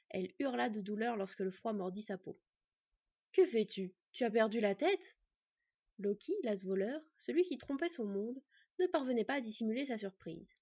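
A woman narrates a fantasy novel aloud with expressive storytelling. Her fairly high voice is breathy and close, and the recording sounds dry and a little dull. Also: no echo. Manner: expressive storytelling, acting out the characters. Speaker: audiobook narrator.

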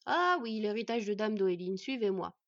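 A woman voicing a proud old male dwarf blacksmith with booming, emphatic exclamations. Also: lively intonation, moderate pace, no echo, lo-fi sound, close to an everyday voice. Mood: warm.

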